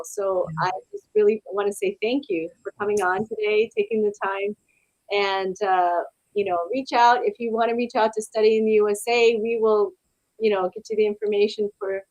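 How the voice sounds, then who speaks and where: Woman, webinar host, higher pitch, dry close sound on a video call, chatty with fillers. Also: no echo, low-quality recording. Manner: chatty, reads out viewer questions, many fillers. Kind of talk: live webinar Q&A.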